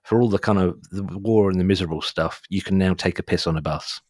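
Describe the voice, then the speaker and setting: Man, South Suffolk accent, lower-pitched voice, casual comic storytelling, rambling, easily amused, dry recording. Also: fast talker, darkish tone, no echo. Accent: South Suffolk, English. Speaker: podcast co-host. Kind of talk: casual comic chat, telling anecdotes.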